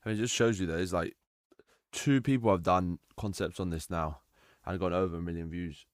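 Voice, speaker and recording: A man's voice: deep voice, a little fast, dry recording, studio quality. A young man chatting casually with his live-stream viewers, easygoing and talkative, calling out names from chat. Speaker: livestreamer.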